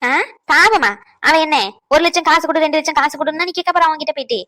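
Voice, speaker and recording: Woman doing a bossy old cartoon paati, high voice, talks fast and lectures a lot. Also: sharp tone, no room sound, studio quality. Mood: indignant. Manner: scolding, lecturing, protective. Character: caring, outspoken old grandmother. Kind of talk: cartoon voice acting.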